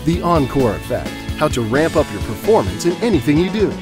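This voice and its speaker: A man's voice: a little high, sing-song, brisk. A man narrating a promotional voice-over that introduces a speaker and his books. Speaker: announcer. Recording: voice-over over guitar music.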